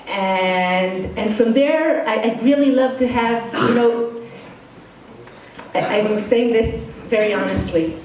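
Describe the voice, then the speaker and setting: A woman's voice: medium pitch, darkish tone, a little hiss or hum. Middle-aged woman with an Israeli-Brooklyn accent, echoey hall. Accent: part Israeli, part Brooklyn. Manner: frank, casual, self-deprecating. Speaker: guest speaker. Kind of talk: informal talk to students. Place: indoor study hall. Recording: very echoey hall, far from the mic.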